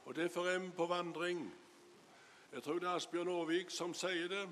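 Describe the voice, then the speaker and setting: A man's voice: high-pitched, steady tone, fairly bright tone. A man preaching a sermon, retelling another man's story with frequent asides about what he said. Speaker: lay preacher. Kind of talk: sermon testimony. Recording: hall reverb, faint room noise.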